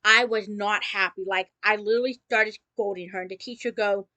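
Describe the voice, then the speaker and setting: A woman's voice: mid-range voice, fairly even intonation, fairly quick, pushed and bright, dry recording. A woman telling a personal story in a casual vlog, opening with a theatrical greeting and dropping sarcastic asides.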